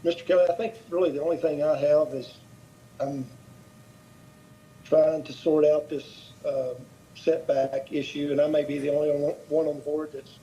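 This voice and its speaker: Dark-voiced guy on a bad video call, audio cutting out, dull lo-fi sound. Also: fairly high pitch, level tone, moderate pace, a little hiss or hum. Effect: choppy video call audio cutting out. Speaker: board member. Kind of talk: questioning at a public hearing.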